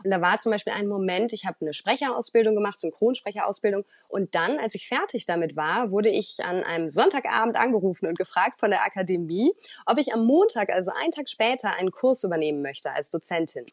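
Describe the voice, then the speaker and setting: A woman voice coach who talks earnestly and expressively as an interview guest, with the odd filler pause. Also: mid-range voice, lively intonation, dry recording, studio quality. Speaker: voice coach and speaker.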